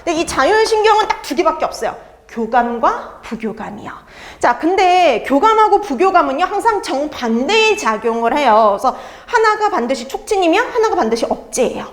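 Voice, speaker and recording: A woman's voice: sits high, big pitch swings, fairly quick. A middle-aged woman giving an exam-prep lecture. She asks her students questions, answers them herself, and repeats the key terms.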